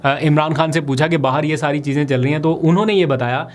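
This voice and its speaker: A man, a political vlogger giving brisk, explanatory analysis of the day's developments. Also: on the high side. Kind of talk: political commentary vlog.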